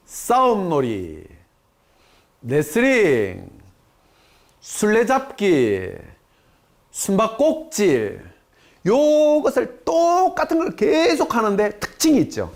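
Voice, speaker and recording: A man's voice: high-pitched, huge pitch swings, slow pace, long pauses, a little mellow. A man giving a lecture on parenting, posing questions to the audience and answering them himself, acting out quoted speech along the way.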